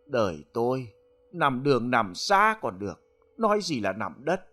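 Man playing surly slurring drunkard in a spoken ghost story; animated pitch swings. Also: unhurried, faint music behind. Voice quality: slurred, whining. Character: drunk, slurring poor old husband.

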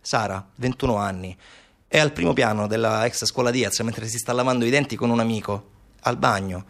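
A man with a medium-pitched, creaky, slightly bright voice speaks fairly quickly as an actor serving as stage narrator. His theatrical narration is urgent and insistent in a documentary storytelling style, with repetitive staccato phrasing.

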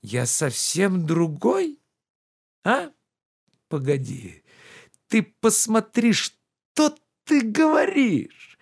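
Man doing a shrill indignant pampered gentleman. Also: huge pitch swings, drawn-out words, gravelly, pauses often, breathy edge, heavily acted. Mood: shrill outrage. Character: pampered idle middle-aged gentleman, indignant.

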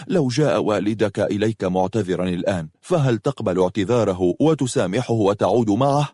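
A man's voice: fairly low pitch, expressive, a little fast, mellow, no echo. A man voicing a bitter, sardonic young workshop owner in a storybook reading. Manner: dry, sardonic.

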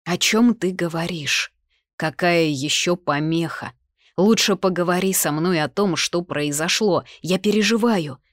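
A woman reading the lines of a calm, caring young male mage in an audiobook, in an even, reassuring tone. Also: sits high, measured pace, no room sound, clean studio sound. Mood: earnest.

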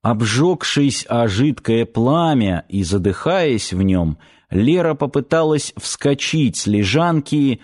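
A male audiobook narrator telling a dramatic story in a measured, vivid way. He reads slowly and deliberately. His voice sits in a middle range. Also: mid-range voice, a little mellow.

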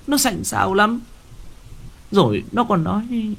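A man voicing a frightened older mother who stammers and wails about a nightmare. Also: moderate pace. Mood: frightened wailing. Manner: shrill, stammering, wailing.

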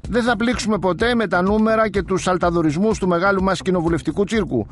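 A man's voice: high-pitched, soft background music. A man hosting a radio show, delivering sarcastic satirical commentary and mock-interviewing clips.

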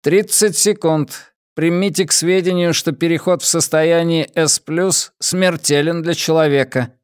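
A man reading an audiobook voices a starship computer, with a metallic, flat and clipped delivery. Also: fairly high pitch, measured pace, clear, resonant tone, no echo, studio quality, voice pushed up, lightly acted. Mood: announcing.

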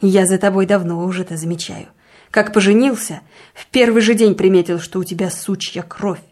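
A grumbling, suspicious village sexton, as a woman puts him on for a storybook reading. He mutters low and accusing, then flares into loud, bitter outbursts. His voice sits at a middling pitch. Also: fairly even intonation, a little fast, lightly acted.

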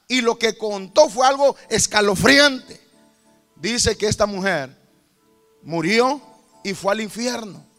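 High, fervent preacher man. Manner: fervent, rhythmic, bursts into shouts. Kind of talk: sermon.

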